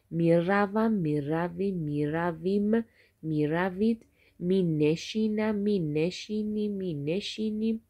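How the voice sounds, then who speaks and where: A woman teaching Arabic grammar to students, speaking to them directly and stretching out example words slowly as a drill. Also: medium pitch, a little mellow.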